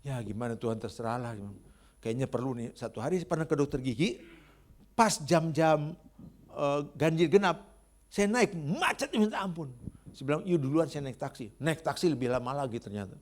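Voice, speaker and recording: A middle-aged man preaching, telling stories and acting out dialogue, then praying loudly and fervently. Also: fairly high pitch, expressive, moderate pace. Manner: storytelling, acting out dialogue, laughing at own stories; loud fervent prayer. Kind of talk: sermon with testimony and prayer.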